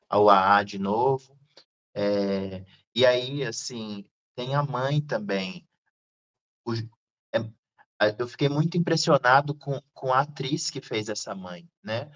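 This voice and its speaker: Thoughtful man, dull lo-fi sound. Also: on the low side. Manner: thoughtful, unhurried, frequent fillers. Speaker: film discussion host. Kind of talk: casual film discussion.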